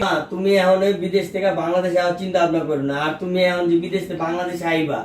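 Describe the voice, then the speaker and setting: A man's voice: high-pitched, a little mellow, close to an everyday voice. A man playing a debt-ridden son scolding his mother in rustic speech. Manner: rapid, agitated scolding in dialect. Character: indebted adult son, defensive and scolding. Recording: echoey room, far from mic, faint noise.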